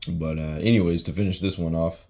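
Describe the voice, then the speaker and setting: Very deep, flat-voiced young man. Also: fairly quick. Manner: laid-back, many fillers like um and you know. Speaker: rapper explaining his own lyrics. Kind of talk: casual lyric breakdown.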